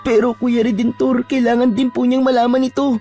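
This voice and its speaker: A woman's voice: a little high, level tone, a little fast, faint music behind. A woman voicing a polite, frightened young aswang who earnestly begs to be hidden and protected, in a told horror story. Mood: earnest pleading. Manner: respectful, earnest, soft-spoken pleading.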